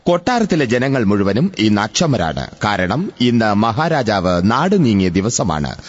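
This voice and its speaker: A man with a husky voice giving mock-solemn scripted narration for a comedy skit. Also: fairly low pitch, big pitch swings, a little slow, no room sound.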